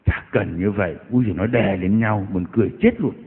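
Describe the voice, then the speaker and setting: Priest telling stories with mocking asides. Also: male voice, lowish voice, fairly quick, vocal fry. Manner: storytelling with mocking exclamations. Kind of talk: sermon. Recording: echoey hall over tinny broadcast line.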